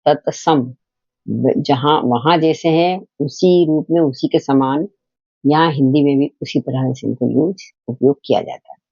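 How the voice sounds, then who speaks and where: A man's voice: fairly high pitch, unhurried, vocal fry, darkish tone, dry recording, highs cut off. A man teaching an online grammar lesson, explaining patiently step by step and posing rhetorical questions to his viewers. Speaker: Hindi teacher.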